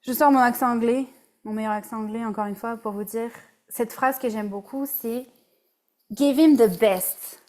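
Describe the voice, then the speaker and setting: A woman's voice: on the high side, fairly even intonation, a little fast, darkish tone. A woman with a Québécois French accent, a relationship coach giving a casual, conversational webinar presentation and dropping in English words.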